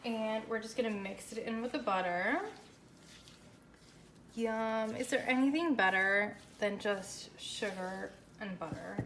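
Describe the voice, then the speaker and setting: A woman's voice: medium pitch, measured pace. An American woman chatting casually and enthusiastically through a home baking demonstration in an informal, chirpy way. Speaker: host of a home baking show. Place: indoors, home kitchen. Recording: echoey room with faint background noise.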